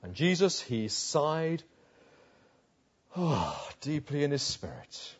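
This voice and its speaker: Male preacher, husky tone, dramatic storyteller, muffled recording. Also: fairly high pitch, big pitch swings, takes it slowly. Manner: dramatic storytelling, voicing quoted figures, swings from loud emphasis to soft asides. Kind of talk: expository sermon. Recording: dull lo-fi recording.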